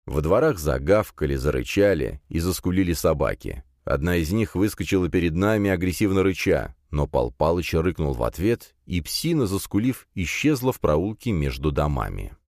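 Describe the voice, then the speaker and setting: Male narrator, deep and low, animated dramatic reading, dry booth sound. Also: normal speed, hardly any pauses, dry recording. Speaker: audiobook narrator. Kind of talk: first-person fantasy audiobook narration.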